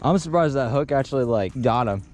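A young man fishing outdoors, chatting casually in a relaxed, easygoing way. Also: medium pitch, brisk, a little hiss or hum. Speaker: competing angler. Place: outdoors by a pond.

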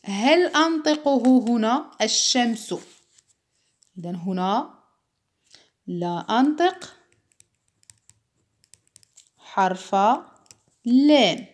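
Slow, patient woman teacher. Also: on the high side, lively intonation. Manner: patient, repeats words and asks "understood?". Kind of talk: slow classroom explanation for children.

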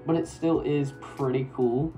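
A man's voice: mid-range voice, fairly even intonation, measured pace, dark tone, soft background music, low-quality recording. A young man reviewing a product in a casual vlog, talking from inside a helmet and rambling with plenty of fillers. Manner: enthusiastic, rambling, many fillers. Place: indoors at a work table.

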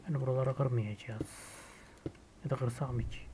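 A Turkish man hosting a casual gameplay video, thinking aloud as he builds and muttering quiet asides to himself. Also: mid-range voice, fairly even intonation, unhurried, a little hiss or hum. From Turkey. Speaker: gaming YouTuber host.

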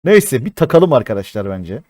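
A man in his thirties doing live-stream commentary as a mobile game streamer, excitable and chatty with his viewers, swearing often. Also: mid-range voice, moderate pace, no echo, studio quality. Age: 30s.

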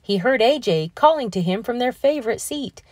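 A woman reading a children's picture book aloud in a measured, expressive storytelling manner. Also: fairly high pitch, no room sound. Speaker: read-aloud narrator.

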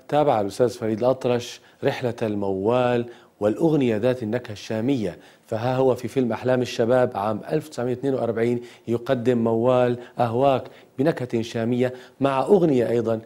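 A man hosting a music history program, who gives measured, analytical scripted narration. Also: medium pitch, steady tone, mellow. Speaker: host and presenter.

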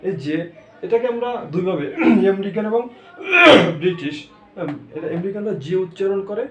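High-voiced Bengali-speaking man teaching sounds. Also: animated, normal speed, fairly bright tone. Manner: repeats each sound many times, asks "okay?" often. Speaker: English pronunciation teacher. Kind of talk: spoken lesson to learners. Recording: roomy, dull lo-fi sound with faint noise.

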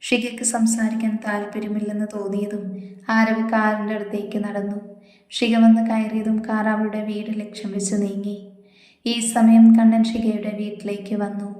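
A woman reading a romantic story aloud as narrator, in a steady, even storytelling manner. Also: medium pitch, moderate pace. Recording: echoey room with long reverb.

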